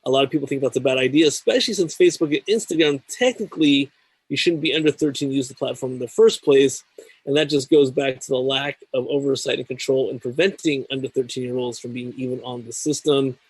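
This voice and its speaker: A man with a mid-range, slightly rough voice hosts a tech talk show, reading news items in a measured way and then chatting with a guest in an interview. The scripted segment has no room sound, but the audio quality is poor.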